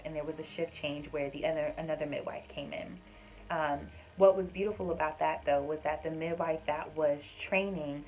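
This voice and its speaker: A woman's voice: low voice, darkish tone, poor audio. A young woman casually recounting a personal story to her viewers, chatty, with frequent fillers and addressing them as "y'all". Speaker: vlogger sharing her birth story.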